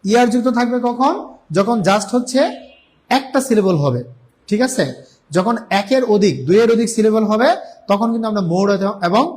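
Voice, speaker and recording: High-voiced Bangladeshi man teaching grammar live. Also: darkish tone, slight background noise. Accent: Bangladeshi Bengali. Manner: repeats questions and answers them himself; stretches out English example words slowly. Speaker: online English teacher. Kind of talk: live online class.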